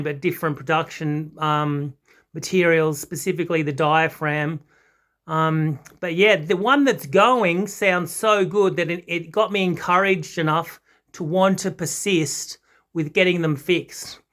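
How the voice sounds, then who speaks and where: An Australian man with a notably high voice gives an unscripted hobbyist product review, bright and keen, rambling along in halting, enthusiastic phrases. He's in a small home listening room with carpet, wood and foam panels.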